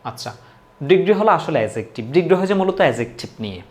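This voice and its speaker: A man's voice: on the high side, big pitch swings, quick pace. A male teacher giving a casual grammar lesson, repeating key points and quizzing his students. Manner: repetitive, drilling students with questions. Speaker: English teacher.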